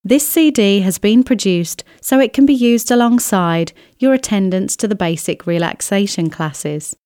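A woman reading a scripted guided relaxation as a therapist, in a soothing, gentle way with long, unhurried pauses. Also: mid-range voice, smooth, dry recording, studio quality. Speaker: relaxation therapist guiding an exercise. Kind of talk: scripted guided relaxation, body scan meditation.

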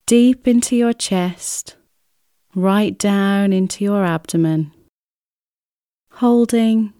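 A woman reading a scripted guided relaxation as a therapist, in a soothing, gentle way with long, unhurried pauses. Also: mid-range voice, smooth, no echo, studio quality. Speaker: relaxation therapist guiding an exercise. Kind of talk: scripted guided relaxation, body scan meditation.

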